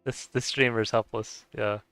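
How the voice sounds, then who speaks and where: During a casual game stream, a man talks with viewers in a steady, creaky, mid-range voice that is fairly bright, clear, and resonant, at normal speed. He stumbles hesitantly over names and chuckles. A dry close mic captures him without echo, faint music behind.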